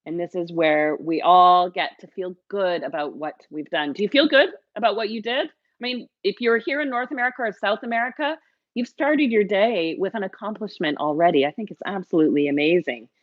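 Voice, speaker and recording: A woman's voice: medium pitch, a little fast, no echo, muffled recording. Woman, baking host, encouraging, talks to viewers, live kitchen lesson, dry close sound.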